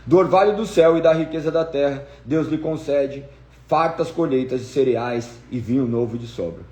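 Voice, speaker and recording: A man voicing an aged, tender father who speaks low, soft and solemn. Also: normal speed, lightly acted. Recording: echoey room.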